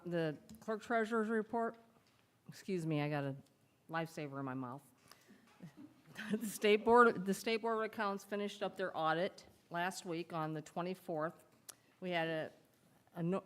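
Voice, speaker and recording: A woman who serves as clerk treasurer gives her report at a city council meeting. She speaks in a slightly low voice, chatty and hesitant, with frequent fillers.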